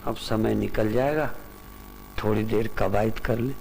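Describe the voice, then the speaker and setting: A spiritual teacher giving a talk to a gathered group, then leading them through a breathing exercise with repeated short instructions. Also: male voice, on the low side, steady tone, unhurried, creaky, a little mellow. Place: large hall with a gathered audience. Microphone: loudspeaker microphone. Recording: long reverb in a hall, faint noise.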